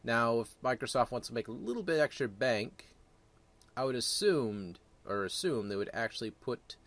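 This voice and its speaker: A man's voice: medium pitch, animated, moderate pace, fairly bright tone. A man giving casual, opinionated gaming commentary in a crude, blunt, rambling way, often correcting himself. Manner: rambling, self-correcting delivery.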